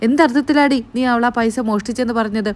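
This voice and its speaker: A woman's voice: a little high, fast talker, lightly acted. A woman voicing an angry elderly grandmother who scolds her family in a raised voice. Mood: scolding.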